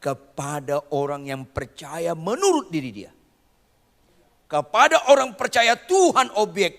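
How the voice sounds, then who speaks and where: Animated preacher with a gravelly voice. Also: male voice, fairly high pitch, big-room sound. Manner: animated preaching, swinging from quiet asides to shouting; teasing the congregation in slang. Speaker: pastor. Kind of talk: sermon.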